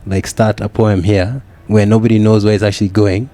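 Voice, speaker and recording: A young man with a Kenyan accent, a podcast guest reflecting candidly on his upbringing, often pausing with restarts and repeated yeahs. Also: lowish voice, flat delivery, warm tone. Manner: reflective, with frequent "yeah" and restarts.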